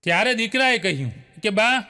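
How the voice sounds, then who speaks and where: A man's voice: high voice, animated, normal speed, sharp tone. A man, telling a string of short jokes in stand-up style and chuckling as he goes. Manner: storytelling with chuckles. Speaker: comedian. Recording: long hall reverb.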